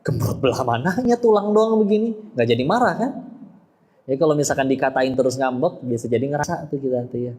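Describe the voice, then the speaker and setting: A man's voice: mid-range voice, expressive, fast, darkish tone. A man giving a humorous, playful sermon to women, acting out quotes and imagined objections. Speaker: preacher.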